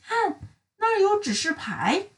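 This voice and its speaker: A woman voicing an excitable, wide-eyed little female storybook character who speaks in wonderstruck exclamations. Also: very high-pitched, a little slow, pitched above the performer's own voice, full character voice. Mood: excited wonder.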